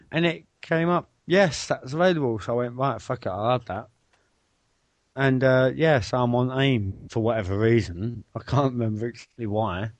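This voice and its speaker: A man's voice: mid-range voice, dry recording. A man hosting a live video chat at his computer, rambling and swearing in casual banter.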